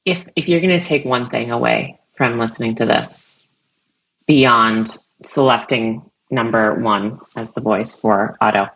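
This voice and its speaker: A woman guest speaks on a business podcast in a bright, pressing tone. She talks in energetic, emphatic bursts and leans hard on key words. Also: extremely low pitch, measured pace, poor audio. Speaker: guest, CRM vice president. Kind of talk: podcast interview.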